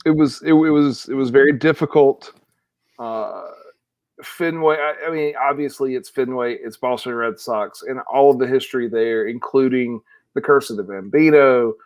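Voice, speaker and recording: A man's voice: mid-range voice, normal speed. Rambling man talking sports history. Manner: rambling, many restarts, enthusiastic. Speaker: podcast co-host. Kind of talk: casual sports chat.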